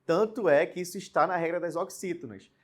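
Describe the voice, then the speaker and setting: A man's voice: high voice, brisk. Man teaching a grammar lesson. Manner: lively, explanatory, with frequent rhetorical questions and tag "né?". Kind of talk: recorded online grammar lesson.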